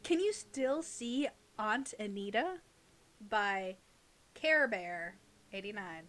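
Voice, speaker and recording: Fairly high-pitched and a bit bright, this woman co-hosts a relaxed reading of online horror stories. She keeps up a playful, teasing back-and-forth with her co-host.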